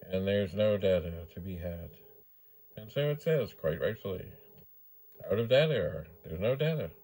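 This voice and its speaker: With a low, warm voice that has a breathy edge, a man casually shows off vintage computers for his vlog. He rambles as he goes and playfully repeats his phrases.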